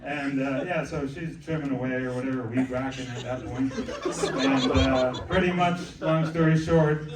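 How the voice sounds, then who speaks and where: A man's voice: mid-range voice, steady tone, normal speed, a loud crowd. A young man doing a stand-up comedy set in a club, rambling and self-deprecating, breaking off into asides. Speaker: stand-up comic. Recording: echoey club from a distance. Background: audience laughter.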